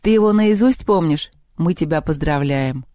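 An irritable, sarcastic schoolboy from a storybook, as the narrator acts him out, exasperated and quick to sneer. The voice is somewhat raised in pitch, mellow and dark in tone. It is recorded close and dry. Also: expressive, dry recording, lightly acted.

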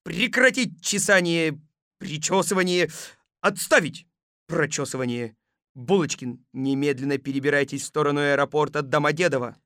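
Terse male detective boss for an audiobook, put on by a woman, low and matter-of-fact. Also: normal speed, fairly bright tone, no room sound, clean studio sound. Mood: brisk. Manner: clipped, matter-of-fact commands. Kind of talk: audiobook character voice.

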